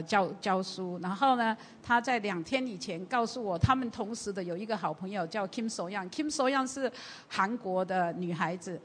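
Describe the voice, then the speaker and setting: A woman pastor telling a story during a church service, animated and full of fillers. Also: mid-range voice, a little hiss or hum. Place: church hall. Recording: long hall reverb from a church.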